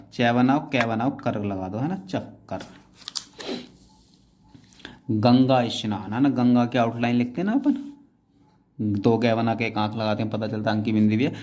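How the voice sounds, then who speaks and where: A man teaching shorthand in a class, explaining each outline step by step and often checking in with quick tag questions. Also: medium pitch, darkish tone. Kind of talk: classroom explanation while writing.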